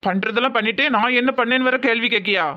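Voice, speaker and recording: A man voicing a furious young cartoon brother who shouts threats, with a Tirunelveli Tamil accent. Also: extremely high pitch, quick pace, dull audio, heavily acted. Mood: accusing. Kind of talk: cartoon voice acting.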